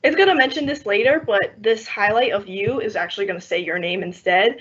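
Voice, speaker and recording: On an online call, a young woman who trains workshop teachers gives a screen-share software demo, explaining each step steadily and laughing softly now and then. Her voice is medium-pitched and fairly quick. The call audio is slightly muffled, with faint noise.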